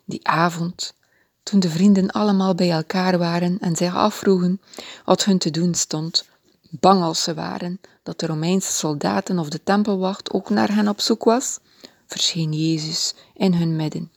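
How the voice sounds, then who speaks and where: A woman reading a children's Bible story aloud in a gentle, expressive way. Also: lowish voice, a little slow, creaky, no echo, studio quality.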